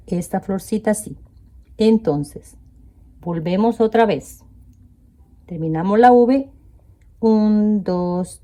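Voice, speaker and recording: This crochet instructor speaks in a low, dark voice with a breathy edge. Teaching step by step, she counts her stitches out loud and keeps asking viewers "¿ven?" to make sure they're following.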